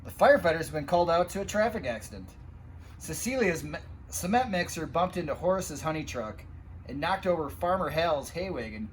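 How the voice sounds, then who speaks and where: A firefighter reads a children's picture book aloud in an animated storytime session, his voice slightly high and fairly quick. He's expressive and talks to young listeners, adding asides and sound effects. Some background noise can be heard.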